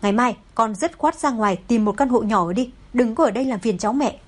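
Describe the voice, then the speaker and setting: A woman voicing a gentle but stern older mother-in-law who speaks softly and scolds dryly. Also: a little high, fast, lightly acted. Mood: scolding. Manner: soft-spoken, scolds dryly.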